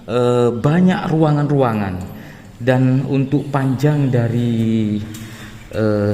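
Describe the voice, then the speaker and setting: A man's voice: medium pitch, dark tone. A man vlogging casually with hesitant fillers and friendly asides to viewers, his voice echoing in an underground stone chamber. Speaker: travel vlogger exploring a site. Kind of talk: casual walk-through narration. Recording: long reverb from a stone hall, faint ambient noise.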